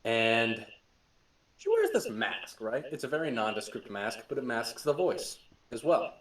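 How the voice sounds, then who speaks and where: A young man hosting a casual podcast tells tabletop game stories as game master, laughing and swearing excitedly as his voice swings up and down. His medium-pitched voice runs a little slow, and he sits well back from the mic in an echoey room.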